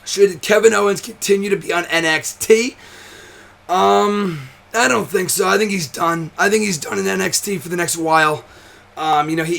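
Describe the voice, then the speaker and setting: In a casual vlog to camera, a tired young wrestling commentary host speaks with a high, slightly bright, hoarse voice that's nearly gone. There's plenty of rambling, swearing and restarting.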